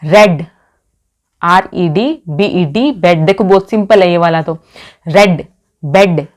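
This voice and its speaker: A woman's voice: fairly low pitch, slow. A woman teaching an exam-prep phonetics lesson. She calls her students friends, asks questions and answers them herself, and reads out example words one by one.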